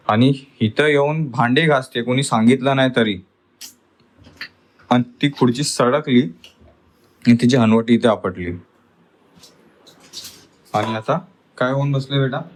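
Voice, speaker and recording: A man speaking in a casual home vlog, a father gently coaxing and soothing his young daughter indoors. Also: mid-range voice, measured pace, pauses often, poor audio. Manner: coaxing and soothing toward a child. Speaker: father and family vlogger.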